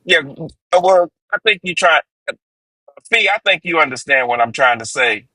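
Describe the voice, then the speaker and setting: A man's voice: a little high, lively intonation, normal speed, pushed and bright, dry recording. Man on a choppy, cutting-out call line. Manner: emphatic, piles up repeated phrases. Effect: choppy audio cutting out from a bad connection. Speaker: guest on a live stream. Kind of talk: casual debate. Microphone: remote call.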